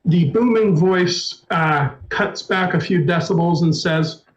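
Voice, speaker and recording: A man narrating a tabletop game as storyteller, halting, with many fillers and restarts. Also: sits high, highs cut off.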